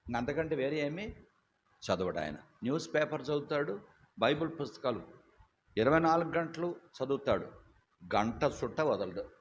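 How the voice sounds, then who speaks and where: Older male preacher, loud and emphatic storyteller, slight hiss behind. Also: mid-range voice, very animated, normal speed, pauses often. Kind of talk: sermon. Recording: dull lo-fi recording with faint hiss.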